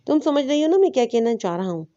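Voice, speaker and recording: A woman's voice: a little high, big pitch swings, warm tone, muffled recording. A woman voicing a scheming young husband who sweet-talks his wife. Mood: coaxing. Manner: sweet-talking, persuasive.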